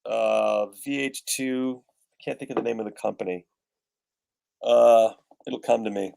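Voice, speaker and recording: A man's voice: medium pitch, fairly even intonation, measured pace, gravelly, mellow. A man in his fifties chatting casually as a guest guitarist, rambling with gear-nerd enthusiasm. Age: 50s. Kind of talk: casual chat.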